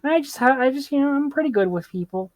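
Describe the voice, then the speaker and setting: A woman's voice: sits high, expressive, fast, darkish tone, no echo. A woman chatting casually as a player in a tabletop role-playing game.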